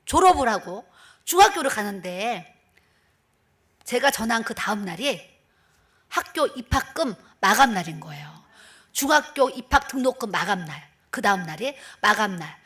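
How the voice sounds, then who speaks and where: A middle-aged woman pastor giving a testimony sermon, telling a story with lively acted-out dialogue and frequent laughter. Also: fairly high pitch.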